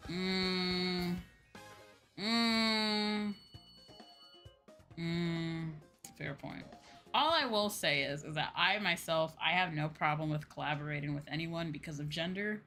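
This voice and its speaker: Speaking slowly in a fairly low, bright and forceful voice, a female streamer chats informally while playing a video game. She thinks aloud and loops back over her words, with soft music in the background.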